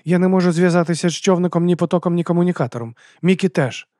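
An anxious, earnest woman scientist, played by a male reader in an audiobook. The voice is lifted high above his own and is urgent and pleading. It comes across louder and pushier than the narration. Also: fast, no echo, studio quality, lightly acted.

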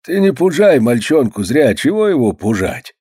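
Brief: male reader as a stern old village fisherman, gruff and reproachful, dry booth sound. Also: medium pitch, very animated, moderate pace, mellow, no echo, voice pushed up. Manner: gruff, reproachful, folksy speech. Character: stern old fisherman, plain-spoken and fair.

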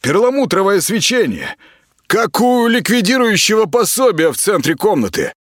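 A man voicing a rude, arrogant 42-year-old male psychiatric patient who yells insults. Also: high voice, sing-song, moderate pace, no echo, clean studio sound, pitched above the performer's own voice, exaggerated voice. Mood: brash. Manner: brash, yelling insults.

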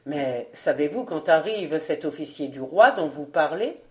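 A charcoal burner, placid and simple in manner, with a low, slow voice hiding a dash of cunning, as a woman reader puts him on. It is a storybook voice, not a real forest. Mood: calm. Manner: calm, simple.

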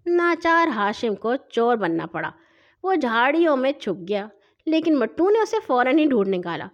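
Woman narrator for kids' audio stories, high, lively voice, lo-fi. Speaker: storyteller. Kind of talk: children's story narration.

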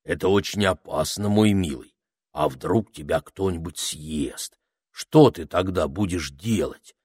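A man voicing a huge, kindly creature who is hard of hearing and talks slowly in a pompous, fussy way. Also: sits low, a little mellow, slightly rough, no room sound, studio quality.

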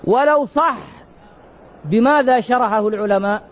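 A man's voice: very high voice, normal speed, muffled recording. A man preaching a sermon, asking the listeners questions and stretching out key words for emphasis.

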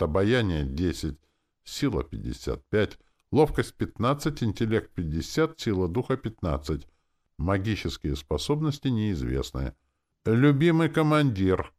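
A man voicing an official game system message in an audiobook, formally announcing and listing stats. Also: low voice. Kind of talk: audiobook character voice.

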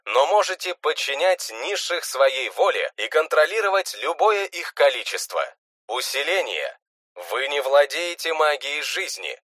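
A magical status screen reads out its character stats, voiced by a male narrator. It moves item by item, but with a lively rise and fall in pitch and a dry, close sound. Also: dry recording. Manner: flat, list-like readout.

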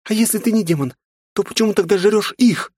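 A man's voice: fairly quick, darkish tone, no echo. A man voicing a terrified young woman who shrieks at the demon she fears. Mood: frantic accusing. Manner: shrill panicked shrieking.

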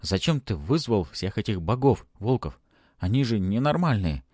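A man voicing a nervous, touchy male ghost who yells and complains. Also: big pitch swings, moderate pace, dry recording, studio quality. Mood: complaining. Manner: shrill, yelling.

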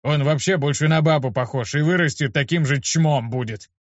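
Man doing a gruff barking teacher. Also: on the high side, normal speed, dry recording, pitched above the performer's own voice, close to an everyday voice. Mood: shouting. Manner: barking, blunt, coarse. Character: gruff adult man, irritable slum teacher. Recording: dull lo-fi dry recording.

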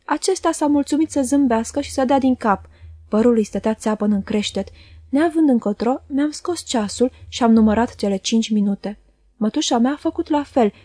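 A woman narrating a classic novel as an audiobook reader, in a calm, measured reading. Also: on the high side, no echo, studio quality.

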